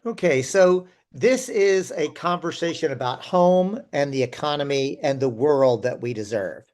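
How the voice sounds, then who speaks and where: A man facilitates a participatory online workshop over a video call, inviting people in and thinking aloud with fillers. His voice is fairly high and darkish in tone, and he talks a little slowly.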